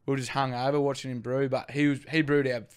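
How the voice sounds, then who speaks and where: A man's voice: mid-range voice, flat delivery, fast talker, clear, resonant tone. A young man with an Australian accent, telling his brewing story in a rambling, casual way and swearing now and then. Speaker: brewery co-founder guest.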